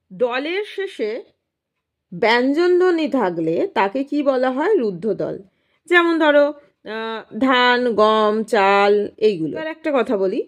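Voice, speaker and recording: A woman teaching a grammar lesson to students, explaining step by step and asking and answering her own questions. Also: on the high side.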